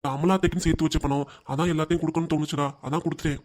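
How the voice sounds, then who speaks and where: A man voicing a patient middle-aged cartoon father who answers his wife and son softly and defensively. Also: on the high side, steady tone, very fast, natural voice. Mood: pleading. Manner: soft, pleading and defensive. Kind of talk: cartoon voice acting.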